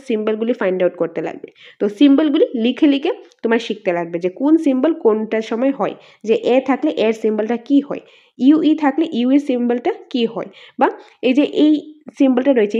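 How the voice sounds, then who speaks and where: A woman's voice: a little high, muffled recording. A woman teacher with a Bengali accent gives an exam-prep lesson. She asks her students questions and then answers them herself. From northeast India.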